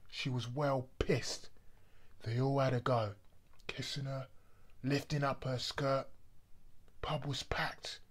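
Man acting a husky, brooding bouncer. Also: medium pitch, flat delivery. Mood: brooding, uneasy. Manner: deliberate bouncer's storytelling, breaking into shouts. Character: brooding male pub bouncer with simmering, violent anger. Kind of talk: dramatic stage monologue.

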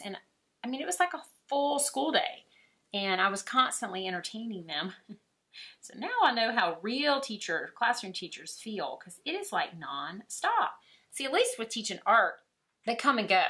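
A woman's voice: mid-range voice, bright, forceful tone. A woman from Alabama with a mild Southern accent, an art teacher chatting casually and laughing often as she paints. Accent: Southern American. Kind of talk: casual chat while painting.

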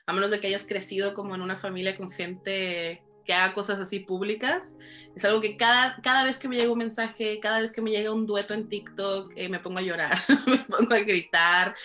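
A woman author answering interview questions in an earnest, animated way, laughing easily as she talks. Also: medium pitch. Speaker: author guest.

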